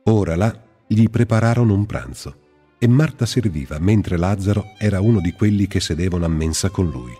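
A man giving a slow, measured, reverent scripture reading. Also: deep voice, warm tone, slightly rough, faint music behind. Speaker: Bible reader. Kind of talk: solemn scripted Bible reading. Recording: long hall reverb.

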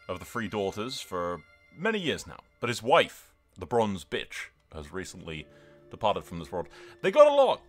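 This gaming video creator has a medium-pitched, slightly bright voice. His let's play commentary is loose and full of swearing, and he tells the story like a mock-grand announcer, saying things twice for emphasis.

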